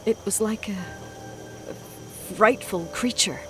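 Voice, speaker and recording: An actress with a mid-range voice plays a distraught grown woman haunted by a repressed memory in a dramatic video game, speaking over music. Her lightly acted delivery is hushed, halting, and anguished, with clearly noisy ambience behind the voice.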